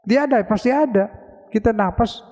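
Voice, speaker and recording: A man's voice: very high voice, normal speed, mellow. A man from Indonesia giving a conversational sermon in a mosque, asking his listeners questions and answering them himself. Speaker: preacher. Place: large mosque hall. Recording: dull lo-fi recording with long hall reverb.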